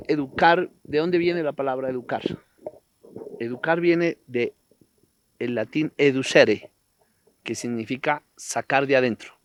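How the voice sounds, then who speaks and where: A man speaking at a panel talk in a reflective, philosophical way, full of rhetorical questions and digressions. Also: medium pitch.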